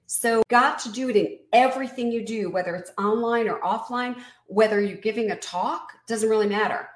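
A woman business coach being interviewed, explaining her method in an energetic, emphatic teaching tone. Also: on the high side, moderate pace, echoey room.

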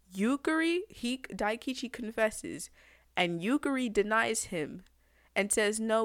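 A woman ranting about an anime in a sassy, exasperated way, with sudden loud outbursts. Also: medium pitch, no room sound, studio quality. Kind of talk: animated anime rant to camera.

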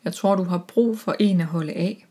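A kind pelican speaks thoughtfully to a friend, as a woman reads its lines. The voice is a little low and gentle. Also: husky.

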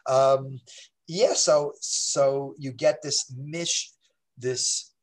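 A man with an ordinary mid-range voice, speaking as a rabbi on an interview show. He explains history in an easygoing, rambling way, restarting his sentences and filling pauses. He drifts into side stories before coming back to the point. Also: medium pitch, fairly even intonation. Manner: digressive, with frequent fillers and restarts.

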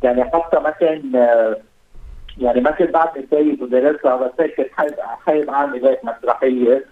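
A man with a Lebanese Levantine Arabic accent, chatting casually as an interview guest, haltingly repeating words and dropping in English ones. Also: mid-range voice, steady tone. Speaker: comedian and actor, interview guest. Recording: thin phone-like radio sound.

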